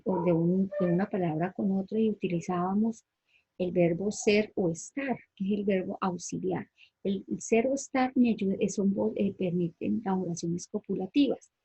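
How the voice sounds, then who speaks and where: A woman's voice: mid-range voice, dark tone, slightly rough, dry recording, poor audio. A woman teacher explains grammar in a patient online lesson, often checking with "¿sí?".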